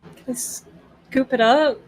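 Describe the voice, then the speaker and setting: A woman's voice: sits high, slow, rough recording. A young woman chatting casually as a player in an online tabletop roleplaying game. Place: room at home, on a group video call. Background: music.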